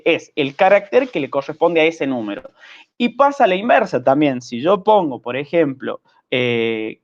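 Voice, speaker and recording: A male programming teacher with an Argentine Spanish accent, explaining patiently in an online class and often checking understanding with quick questions. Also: fairly high pitch, muffled recording.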